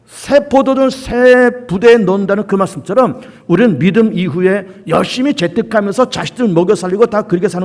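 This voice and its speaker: A male pastor preaching a sermon, stressing points by repeating them and asking rhetorical questions. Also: extremely high pitch. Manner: emphatic repetition and rhetorical questions.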